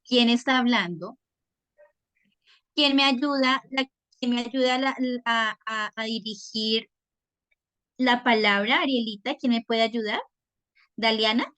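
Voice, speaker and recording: A woman's voice: on the high side, slow, long pauses, bright, forceful tone. A woman psychologist giving an online workshop, explaining patiently and asking her audience questions. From Colombia.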